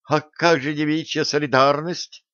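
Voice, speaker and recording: An indignant young woman, played by a man reading aloud, complaining in a raised, higher voice. The tone stays smooth and clear. The recording is dry with a slightly dull sound. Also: fairly even intonation, unhurried, fairly bright tone, no room sound.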